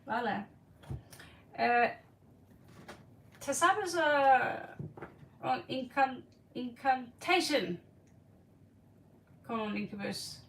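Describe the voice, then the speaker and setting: A slightly tired woman giving an informal card reading in halting, Spanish, searching for words. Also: sits high, expressive, a bit bright. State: a little tired. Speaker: tarot card reader. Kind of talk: casual, informal one-on-one reading. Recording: distant mic with faint background noise.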